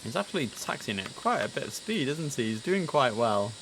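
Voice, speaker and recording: A man hosts a casual live stream of an air traffic control simulator, chatting and musing aloud as he commentates on the gameplay. His mid-range voice is sing-song, fairly quick and fairly bright, and the audio is poor, with a little hiss or hum.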